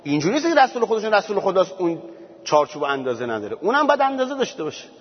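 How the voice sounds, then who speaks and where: A man's voice: high voice, very animated, husky. A man giving an informal religious talk as teacher, speaking conversationally and pressing his points with rhetorical questions. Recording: muffled sound with long hall reverb.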